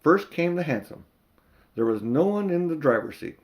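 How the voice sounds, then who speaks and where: Reading a children's story aloud as an amateur audiobook narrator, an older man uses a slightly high, very animated voice. His delivery leans on dramatic emphasis and stretched-out words.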